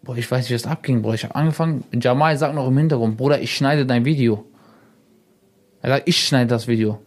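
A man's voice: mid-range voice, brisk. A young man, a YouTuber guest on a radio show, telling stories casually and acting out the quoted dialogue. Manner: animated, acts out quoted dialogue. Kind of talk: casual storytelling.

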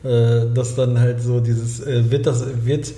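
A man's voice: mid-range voice, flat delivery, a little slow, mellow, reverberant. A man co-hosting a casual talk show, hesitant and searching for words with many restarts. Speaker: podcast co-host. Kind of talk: casual discussion.

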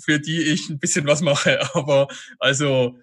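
A man from Switzerland with a Swiss German accent, talking as a podcast guest. His voice is bright and slightly higher than most men's. He speaks loosely, with many fillers and frequent laughter. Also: fairly even intonation, normal speed. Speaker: guest, online marketer. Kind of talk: casual podcast interview.

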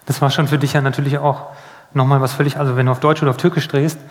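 A man's voice: medium pitch, little pitch movement, rapid-fire. A man hosting an interview, asking loose, rambling questions and teasing his guest. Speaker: interviewer, host. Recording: long hall reverb.

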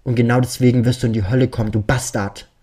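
A frightened young captive who halts and stammers through his answers, as a man reads him. The voice sits low and is strained with fear. The figure belongs to a dark audio story. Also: steady tone, slow pace. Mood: furious. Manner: stammering, then shouting. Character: terrified young man, halting and desperate.

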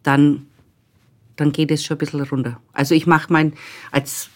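A woman's voice: sits low, little pitch movement, moderate pace. A middle-aged woman tells stories from her job in a podcast interview. She is blunt and matter-of-fact, and she acts out the dialogue as she goes. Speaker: transit service staff member. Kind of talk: telling anecdotes in a podcast interview.

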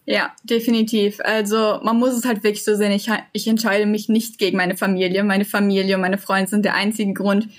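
A woman's voice: medium pitch, little pitch movement, brisk, hardly any pauses. Casting note: young woman from Germany, interview guest, earnest and open, long run-on sentences. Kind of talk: casual conversation.

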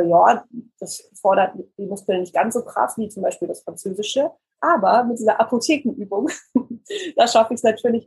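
Breathy female voice coach and news presenter, calm, explanatory delivery. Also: medium pitch, poor audio. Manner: calm, explanatory, demonstrates exercises. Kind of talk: explanatory podcast interview.

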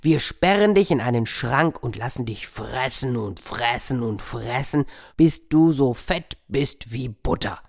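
A plotting male bear from a fable, told by a woman. He speaks low and gloating, in close to her own voice. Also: expressive, a little slow, darkish tone, no echo, heavily acted.

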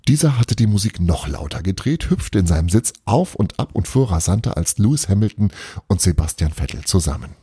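Man reading a storybook, deep, husky, gravelly, dry close recording. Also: sing-song, brisk, dark tone, no room sound. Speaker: reader.

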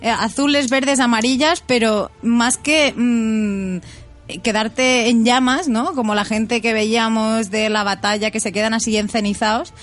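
A woman with a fairly high voice and an accent from Spain. She talks informally as a podcast co-host, playfully putting on formality for jokes. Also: steady tone, a little slow, faint music behind. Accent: Spanish from Spain. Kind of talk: casual group chat.

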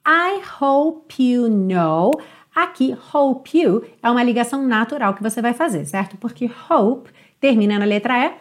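A woman from Brazil teaching an online English lesson, upbeat and clear, slowing down to model words. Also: on the high side.

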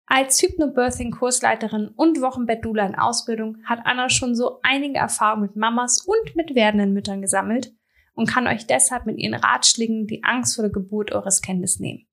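A woman's voice: a little high, a little fast, vocal fry, a bit bright. A woman in her thirties hosting a podcast interview, chatty and addressing her listeners directly. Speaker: podcast host.

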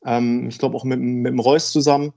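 A man in his thirties from Germany, a football player talking frankly and a bit haltingly as a podcast guest. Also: mid-range voice, flat delivery, vocal fry, dark tone. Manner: frank, rambling, hesitant. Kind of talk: casual podcast interview.

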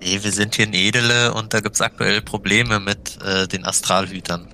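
A man with a fairly low, bright voice takes part in a casual tabletop role-play as a player. Background noise is audible. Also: little pitch movement, moderate pace.

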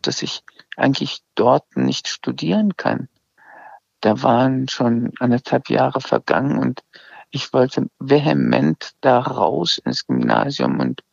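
A middle-aged Azerbaijani speaker from Iran tells his story hesitantly as a guest in a casual interview, full of restarts and fillers. His medium-pitched voice is creaky and darkish, with no echo and slightly dull lo-fi sound.

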